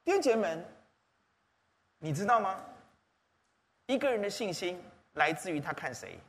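A man's voice: high-pitched, normal speed. A man preaching a sermon as pastor, often asking the congregation questions. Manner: animated, rhetorical questions to the congregation. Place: church hall. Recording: long hall reverb.

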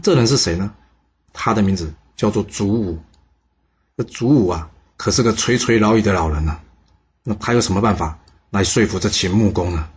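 Man, podcast storyteller, very husky voice, lively, rhetorical questions. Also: fairly low pitch, normal speed. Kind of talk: casual storytelling narration.

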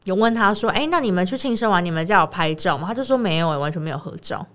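A woman's voice: fairly low pitch, animated, fast talker. A woman with a Taiwanese Mandarin accent, co-hosting a podcast and retelling a friend's story in casual, rambling chat. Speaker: podcast co-host.

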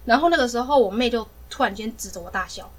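Young woman podcast co-host, high and rapid, lively casual storyteller. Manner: animated, laughing storyteller.

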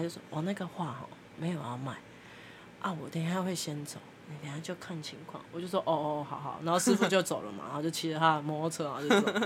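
Woman, podcast host, casual storytelling, rapid delivery, laughs a lot. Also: fairly low pitch, fairly bright tone, a little hiss or hum. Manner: brisk, laughs often while acting out quoted people.

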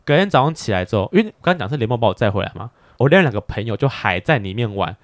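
A quick-talking man with a lively, swooping pitch. He chats casually as a podcast co-host, restarting his sentences in bursts. The sound is close and dry. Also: no room sound. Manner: animated, stammering restarts, laughs a lot. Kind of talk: casual chat, telling a drinking story.

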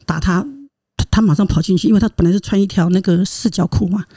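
Fast-talking woman telling a story. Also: lowish voice. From Taiwan. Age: middle-aged. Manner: rambling, animated retelling with restarts. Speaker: guest, host's aunt. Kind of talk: casual storytelling.

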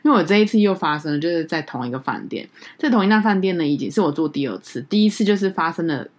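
A woman co-hosting a podcast in casual chat, telling a story in an animated way and acting out what others said. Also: lowish voice, fast. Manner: animated storyteller, acts out quoted people. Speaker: podcast co-host.

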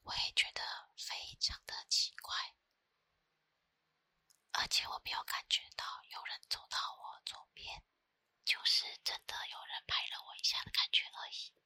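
A woman with a Taiwanese Mandarin accent tells personal stories in a soft, breathy ASMR whisper close to the microphone, unhurried and with pauses. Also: no echo. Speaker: ASMR creator. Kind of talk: whispered ASMR storytelling, chatty.

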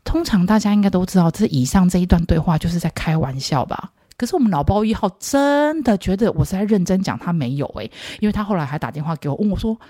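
A woman's voice: on the low side, expressive, fast, hardly any pauses, mellow, no room sound, studio quality. A woman in her thirties with a Taiwanese Mandarin accent, hosting a podcast in a playful, teasing storytelling manner. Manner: playful, teasing, laughs at her own jokes. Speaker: podcast host. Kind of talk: casual storytelling monologue.

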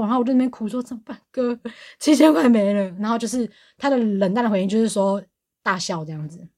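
A young woman with a Taiwanese Mandarin accent, co-hosting a casual podcast and telling stories in an animated way, laughing often. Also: mid-range voice. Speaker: podcast co-host. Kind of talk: casual chat, storytelling.

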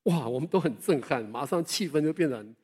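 Older pastor telling lively stories. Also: male voice, a little high, a little fast, husky. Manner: animated storytelling with self-deprecating humor; chatty, asks the listeners questions. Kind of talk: sermon with personal stories.

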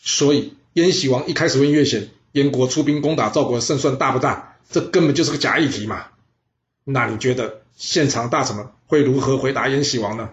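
A man telling a history audiobook in a lively, chatty way with asides to the listener. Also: mid-range voice, brisk. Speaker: storyteller. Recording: roomy, slightly dull audio.

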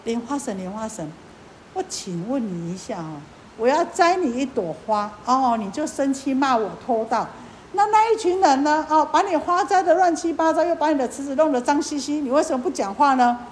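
Puzzled earnest young monk, as a nun acts him out, pleading, questioning, raised high, louder, storytelling in a sermon. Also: female voice, normal speed, a little hiss or hum, close to an everyday voice, rough recording.

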